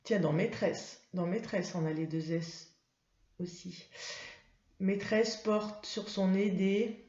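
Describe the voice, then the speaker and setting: Slow, patient woman teacher. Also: medium pitch, fairly even intonation, warm tone, reverberant, dull audio. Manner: patient, clear, slow spelling out of words. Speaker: primary school teacher. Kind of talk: classroom lesson for young children.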